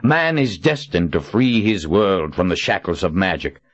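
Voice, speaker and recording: A man voicing a cruel, smug emperor with a grating, impudent voice and a slow, smirking, condescending delivery. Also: low-pitched, very animated, muffled recording. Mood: contemptuous. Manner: smirking, condescending, drawn-out words. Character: cruel, smug male emperor who mocks his captor.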